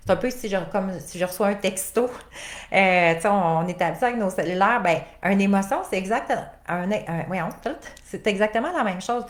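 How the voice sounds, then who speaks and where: Québécois female coach, mid-pitched, chatty and questioning, echoey room. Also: a little fast. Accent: Québécois French. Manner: conversational, many fillers, rhetorical questions. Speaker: life coach. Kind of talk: live coaching talk to viewers. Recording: roomy echo.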